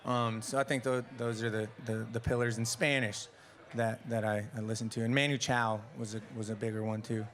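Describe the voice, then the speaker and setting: A man's voice: medium pitch, little pitch movement, fairly quick, hardly any pauses, fairly bright tone, faint music behind. A young man from Mexico, a musician guest chatting casually in an interview in front of a studio audience, laid-back and slangy with many restarts.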